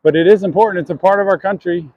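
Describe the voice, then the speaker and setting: A man's voice: high-pitched, fairly even intonation, quick pace, phone-quality sound. A man chatting earnestly to his viewers while walking down city streets, answering questions from chat.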